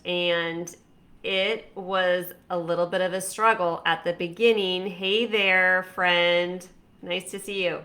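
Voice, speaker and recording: Slow-talking, bright-voiced woman in her forties. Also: on the low side. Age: 40s. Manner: chatty, rambling, encouraging. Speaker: fashion stylist and coach. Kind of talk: casual talk to camera.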